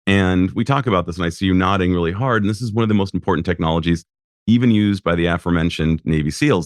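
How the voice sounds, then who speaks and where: A man hosting a podcast, reflecting in a measured way and asking his guest questions. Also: low-pitched, dry recording, clean studio sound. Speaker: podcast host, psychologist. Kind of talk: casual interview chat.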